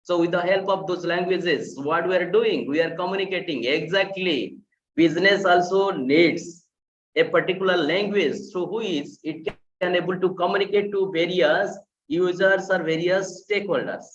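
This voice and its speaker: A man's voice: high-pitched, moderate pace, roomy sound, recorded from a distance, highs cut off, a little hiss or hum. A man teaching an online class, explaining with rhetorical questions and repeating key phrases. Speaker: lecturer. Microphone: video call.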